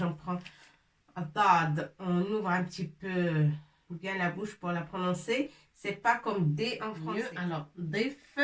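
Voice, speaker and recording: A woman teaching a language lesson slowly and patiently, repeating each word and asking her viewers questions. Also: mid-range voice, a bit bright, reverberant, far from the mic. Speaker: Arabic teacher.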